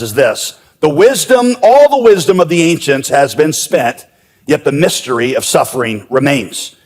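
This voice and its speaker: A man preaching a sermon as pastor, with humorous storytelling and lively asides. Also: on the high side. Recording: echoey hall.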